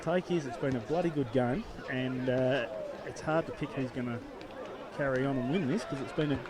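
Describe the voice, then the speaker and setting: Australian footy commentator over a loud crowd. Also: male voice, medium pitch, a little fast. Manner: easygoing colour commentary, casual slang. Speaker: sports commentator. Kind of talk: local football commentary. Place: commentary box above an outdoor oval. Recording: loud crowd noise behind the voice.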